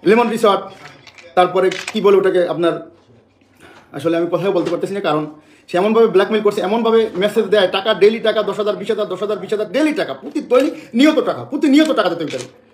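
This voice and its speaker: A man's voice: high voice, expressive, fast, a little mellow, echoey room. A man from Bangladesh making an emotional public statement to the press, agitated and repeating phrases over and over.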